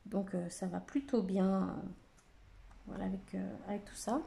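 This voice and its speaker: A woman's voice: medium pitch, steady tone, normal speed, creaky, mellow. A woman casually presenting an oracle card deck, reading out lists of keywords with frequent hesitations and fillers.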